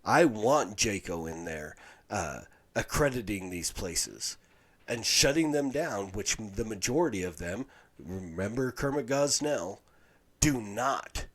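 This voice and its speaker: A man hosting a podcast, giving a halting, indignant commentary with many restarts. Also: fairly low pitch, expressive, fairly bright tone. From Utah, USA. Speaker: podcast host. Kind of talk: casual commentary monologue.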